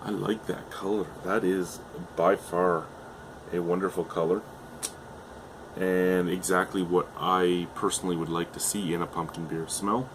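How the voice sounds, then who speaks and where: Losing his voice, a young Canadian man with a low, hoarse-edged tone casually reviews a beer at home at a measured pace with fairly even intonation. He's chatty yet hesitant, peppering his rambling with "uh"s and restarts. An air conditioner hums faintly behind him.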